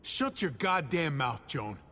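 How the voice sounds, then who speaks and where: A man's voice: on the high side, big pitch swings, slow, bright, forceful tone, big-room sound, full character voice. An actor playing a protective, earnest man in a video game, speaking firmly. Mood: confrontational. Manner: earnest and firm. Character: protective man standing up to a leader.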